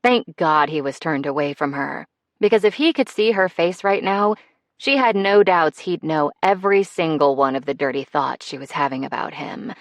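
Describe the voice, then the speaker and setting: A woman's voice: sits low, normal speed, no echo, studio quality. A woman reading an audiobook in a wry, conversational scripted narration.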